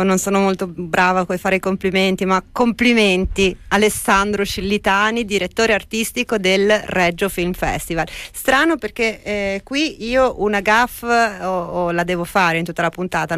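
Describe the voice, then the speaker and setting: A woman's voice: mid-range voice, moderate pace, few pauses, fairly bright tone, dry recording. Playful woman hosting a radio show. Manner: playful, teasing. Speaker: radio host. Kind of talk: casual radio chat.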